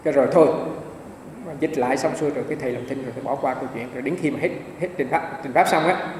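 Monk in a booming echoey hall. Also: male voice, racing, a little mellow. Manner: rambling, repeats small words often. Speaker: Buddhist monk. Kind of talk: dharma talk with anecdotes. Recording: echoey hall, mic far off, faint hiss.

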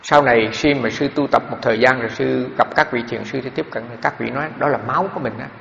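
A man's voice: mid-range voice, fast talker, vocal fry, fairly bright tone. A middle-aged man, a Buddhist monk, giving a dharma talk in a loose storytelling way full of fillers. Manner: conversational storytelling with frequent fillers. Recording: echoey hall, dull lo-fi sound.

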